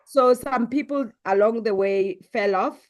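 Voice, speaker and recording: A middle-aged South African woman, a native Sepedi speaker, answers interview questions in the role of a business executive. Her voice is a little high, and she responds in a measured, composed way.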